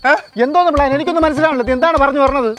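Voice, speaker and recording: A woman's voice: high-pitched, rapid-fire, music in the background, close to an everyday voice. A woman playing a weary, grumbling middle-aged mother in a comedy sketch. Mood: confused.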